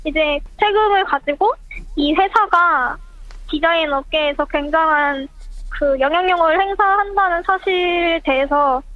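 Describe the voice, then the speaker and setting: Anonymous phone guest, pitch-shifted voice disguise raised high, halting delivery, tinny line. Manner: halting, hesitant speech with many pauses. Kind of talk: radio phone interview. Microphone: telephone.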